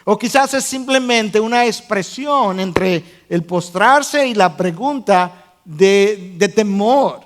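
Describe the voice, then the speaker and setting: A man's voice: high-pitched, expressive, slow pace. A man pastor preaching a sermon, explaining the text step by step, defining original-language words and putting questions to his listeners.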